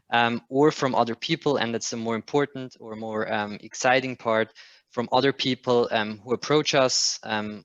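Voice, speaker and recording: A man's voice: medium pitch, fairly bright tone, no echo. Guy on a startup panel, lots of ums, hesitant, dry muffled audio. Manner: hesitant, many "um" fillers and restarts. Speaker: startup co-founder. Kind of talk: panel talk.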